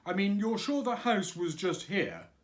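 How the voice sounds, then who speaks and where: A man's voice: sits high, big pitch swings, unhurried, voice pushed up. A man voicing a friendly, bumbling male teddy bear in a storybook reading, eager and fumbling for words.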